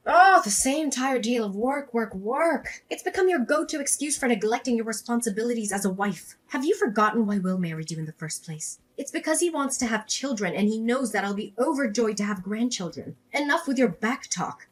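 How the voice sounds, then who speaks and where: A woman voicing an overbearing older mother-in-law who scolds her daughter-in-law about grandchildren, husky and domineering. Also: a little high, expressive, a little fast, hardly any pauses, close to an everyday voice. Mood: scolding. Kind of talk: animated story voice acting.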